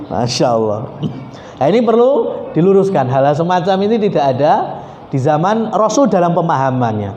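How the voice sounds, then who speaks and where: A male preacher with a Javanese accent giving an animated, joking religious study lecture, slipping into Javanese and Arabic recitation. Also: sits high. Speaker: Islamic preacher. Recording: echoey hall, faint background noise.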